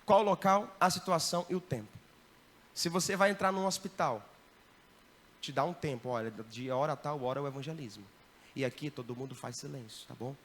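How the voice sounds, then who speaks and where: A man with a bright, slightly high voice teaches a church training session as a missionary. He speaks in a lively way and keeps checking in with the listeners in the hall. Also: a little fast.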